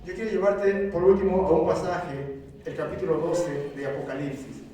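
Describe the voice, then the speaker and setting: A man's voice: on the high side, moderate pace, warm tone, slight background noise. A man preaching a sermon to his congregation, speaking fervently and asking them questions. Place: church sanctuary. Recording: very echoey church, mic at a distance.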